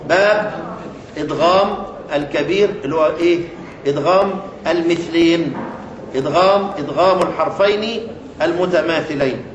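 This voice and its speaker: High-voiced Egyptian teacher, echoey room. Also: male voice, moderate pace, dull audio. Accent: Egyptian Arabic. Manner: keeps asking the class rhetorical questions and repeating key words. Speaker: Quran recitation teacher. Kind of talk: classroom lesson explaining a poem on tajweed rules. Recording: echoey room with faint noise.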